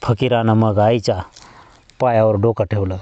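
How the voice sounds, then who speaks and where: A man giving a measured, literary reading of a novel as an audiobook storyteller. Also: lowish voice, fairly even intonation, dark tone. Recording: dull lo-fi dry recording.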